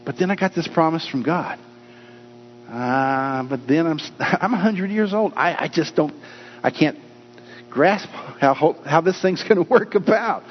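A man with a fairly high voice preaches a sermon, and he slips into the voices of doubting people along the way. The sound has a long echo, as if from a large hall. The recording is dull and lo-fi, with a faint mains hum behind it. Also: lively intonation, unhurried. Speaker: pastor.

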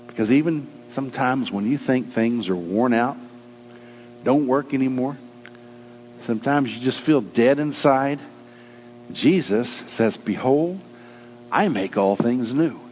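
Speaking in a mid-range voice, unhurried and pausing often, a pastor reads scripture during his sermon and voices the doubts people raise. It was recorded in an echoey hall, with dull lo-fi audio and mains hum.

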